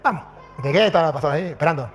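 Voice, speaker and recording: High-voiced preaching priest, animated. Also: male voice, fairly quick, soft background music. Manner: animated, quotes scripture and acts out dialogue. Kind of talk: preaching with told stories.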